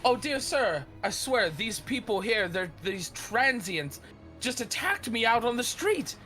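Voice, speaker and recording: A man's voice: extremely high pitch, big pitch swings, unhurried, bright, forceful tone, faint music behind, pitched above the performer's own voice, exaggerated voice. A man voicing a lying male killer who poses as a surgeon and protests his innocence in a raised, pleading voice. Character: smooth-talking male killer posing as a surgeon.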